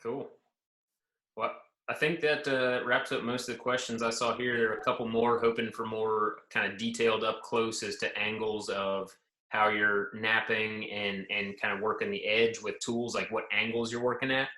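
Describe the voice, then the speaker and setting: A man's voice: on the low side, flat delivery, normal speed, sharp tone, roomy sound. A man hosting a live session, reading out viewer questions in a casual way.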